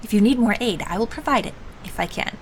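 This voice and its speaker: A woman's voice: medium pitch, expressive, fast, a little hiss or hum, close to an everyday voice. A woman voicing a pompous male wizard advisor from a game, with solemn, theatrical, hammy stage delivery, falsely subservient. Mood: grave, evasive. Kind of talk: video game dialogue read-aloud.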